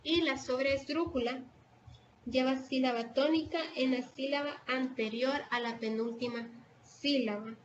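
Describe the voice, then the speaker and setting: A woman's voice: sits high, fairly even intonation, unhurried. A woman with a Salvadoran accent teaching an online class, hesitating with fillers and restarts as she explains. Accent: Salvadoran Spanish. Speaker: online tutor. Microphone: video call. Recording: dull lo-fi video call audio with faint noise.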